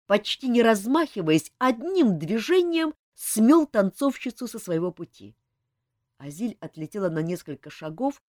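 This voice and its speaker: A woman narrating a fantasy novel as an audiobook reader, expressive in delivery. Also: mid-range voice, dry recording, clean studio sound. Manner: expressive, lively reading.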